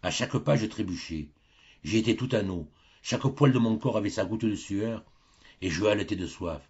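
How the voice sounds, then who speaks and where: Un homme qui raconte un vieux conte, ton théâtral, enregistrement un peu sourd. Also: male voice, fairly low pitch, normal speed, darkish tone, husky, muffled recording. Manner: theatrical, varied intonation. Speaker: audiobook narrator. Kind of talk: expressive storytelling reading.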